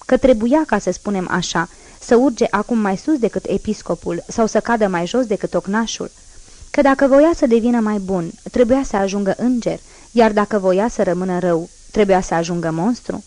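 A woman audiobook narrator reading a classic novel in a measured, solemn manner. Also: mid-range voice, darkish tone, no room sound, poor audio. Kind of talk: scripted literary narration.

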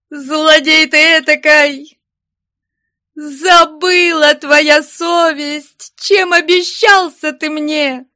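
A woman's voice: extremely high pitch, sharp tone, dry recording, clean studio sound, voice pushed up, exaggerated voice. A shrieking jealous peasant girl. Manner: shrieking, sobbing, accusing. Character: jealous hysterical young peasant woman.

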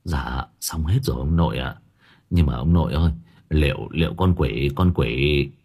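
A man's voice: rumbling low, normal speed, a little mellow, slightly rough, voice pushed down, exaggerated voice. A man voicing a timid, frightened middle-aged husband who whimpers and stammers. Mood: meek stammering. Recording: faint background music.

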